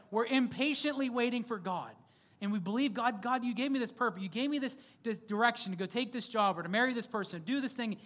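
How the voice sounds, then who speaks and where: A man's voice: high-pitched, fairly bright tone. A young man, a pastor, preaches a sermon in a loose, conversational way, joking and asking his listeners questions. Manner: conversational storytelling with humor, asks the audience questions. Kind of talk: sermon to a congregation.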